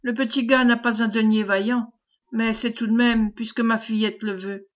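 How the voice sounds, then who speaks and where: A woman reading the lines of a firm old male farmer in a lower, grave voice. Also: steady tone, normal speed, lightly acted. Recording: dull lo-fi recording.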